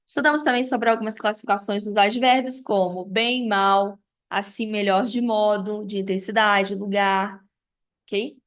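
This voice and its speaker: Going through grammar as a teacher, a woman explains at a measured pace in a medium-pitched, fairly even voice. She strings examples together in a list and keeps dropping in tag questions such as "né?" and "tá?".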